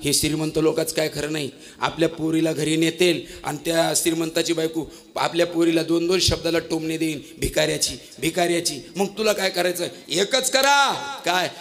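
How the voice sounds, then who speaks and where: A man playing a sharp-witted village wife. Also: on the high side.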